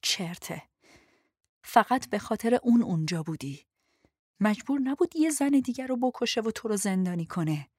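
A woman's voice: medium pitch, lively intonation, a little mellow, husky, no room sound. A frank, protective man pressing his point, as a woman narrator reads him in her own voice. His lines are plain and insistent, delivered in a dry, close audiobook sound. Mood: dismissive. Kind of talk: audiobook dialogue reading.

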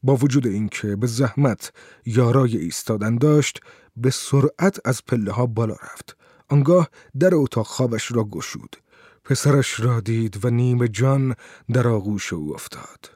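A man narrating an audiobook in a measured, steady storytelling manner. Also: medium pitch, dry recording, clean studio sound.

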